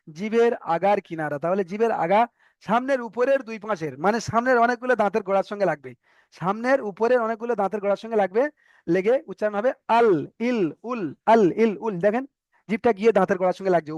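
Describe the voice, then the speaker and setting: A man with a Bengali accent teaching Arabic letter sounds in an online lesson, repeating each sound slowly for learners to practise. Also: sits high, no echo, highs cut off. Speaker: Quran recitation teacher.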